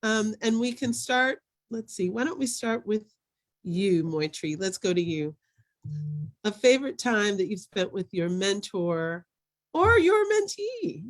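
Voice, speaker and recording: A woman's voice: mid-range voice, measured pace. A woman moderating a virtual panel over a video call, encouraging and asking follow-up questions.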